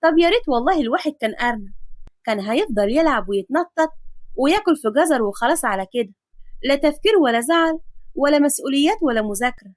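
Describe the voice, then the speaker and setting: A woman's voice: high voice, lively intonation, fast talker, dry recording, clean studio sound. A woman voicing a cheeky young Egyptian female student who complains dramatically. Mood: whiny. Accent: Egyptian Arabic. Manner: whiny, exaggerated complaining.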